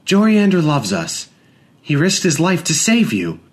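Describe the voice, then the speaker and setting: A brisk, curt woman in charge of a household, in a storybook reading, pitched well above the narrator. A man puts her on. She scolds sharply and gives orders. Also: wildly swooping pitch. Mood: scolding.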